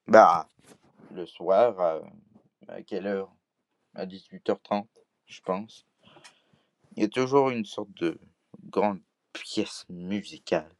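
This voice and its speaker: A man's voice: sits low, slow pace, pauses often, dry recording. A man with a Québécois accent talking casually to camera in a vlog, hesitant, with many fillers and restarts. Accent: Québécois French. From Quebec. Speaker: vlogger.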